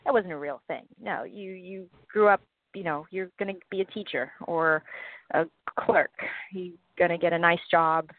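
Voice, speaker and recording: A woman's voice: fairly low pitch, normal speed, no echo. A woman guest from Africa, chatting and laughing easily in an interview. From South Africa. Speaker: actress guest. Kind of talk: casual interview. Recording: dry tinny phone line.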